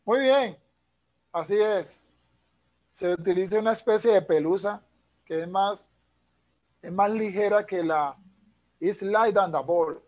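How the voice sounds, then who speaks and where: A man's voice: high voice, slow pace, long pauses, a little mellow. A man, an English teacher explaining punctuation patiently over a video call. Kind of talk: online class explanation.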